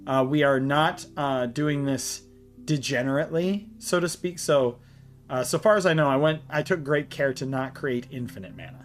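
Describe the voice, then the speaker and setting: A man hosting a card game channel, walking through a deck and reading card text aloud in a halting way, short of breath. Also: mid-range voice, soft background music. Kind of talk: deck tech walkthrough.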